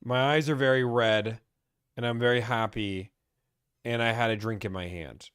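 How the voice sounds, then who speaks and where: A man's voice: mid-range voice, steady tone, moderate pace, a bit bright, smooth, dry recording, clean studio sound. A young man from Pittsburgh, chatting casually as he reads and answers viewer questions about car buying on a live stream.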